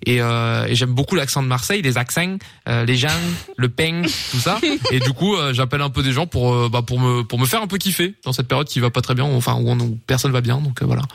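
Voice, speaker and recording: Man from Lyon, radio co-host, fast polite rambling patter, dry mic. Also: medium pitch, creaky, no echo. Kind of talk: prank call on live radio.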